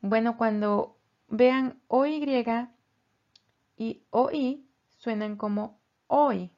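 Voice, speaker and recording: Very slow, careful woman teacher. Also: a little high, dull audio. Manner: slow and careful, repeating each word twice. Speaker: English pronunciation teacher. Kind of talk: slow pronunciation lesson.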